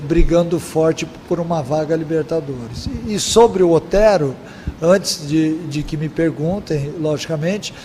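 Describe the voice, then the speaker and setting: A man, a football coach, giving measured press conference answers with frequent fillers. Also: fairly high pitch, a little mellow, long reverb tail, a little hiss or hum. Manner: measured, repeats 'é' and 'né' fillers.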